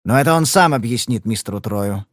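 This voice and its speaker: A man's voice: medium pitch, expressive, brisk, no room sound, studio quality, close to an everyday voice. A male reader voicing a blunt, scarred thug who growls his threats. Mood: gruff. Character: thuggish, scarred male brawler, blunt and menacing.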